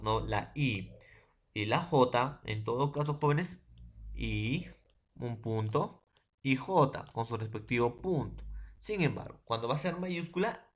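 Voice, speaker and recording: A Peruvian man gives a secondary school language lesson. His voice sits at a middle pitch, and he circles back over each point, tagging questions onto nearly every sentence. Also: fairly bright tone. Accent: Peruvian Spanish. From Peru. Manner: repetitive, keeps adding tag questions and "profesor". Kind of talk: remote class lecture.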